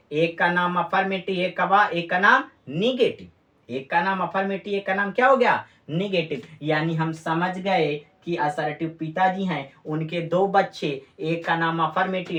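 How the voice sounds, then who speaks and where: Low-voiced woman teacher drilling students. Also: a bit bright, recorded from a distance. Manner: asks questions and answers them herself, repeating key words; scolds the students with mock impatience. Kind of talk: classroom-style grammar lesson.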